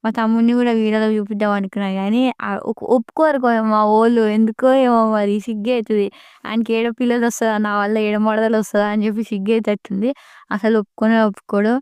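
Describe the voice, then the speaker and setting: A young woman with a Telangana Telugu accent talks slowly and sorrowfully in a personal vlog. Her voice is clear and stays on a flat, even pitch. The sound is dry and close to the mic. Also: no room sound. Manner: slow, sorrowful storytelling. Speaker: vlogger. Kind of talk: casual personal vlog talk.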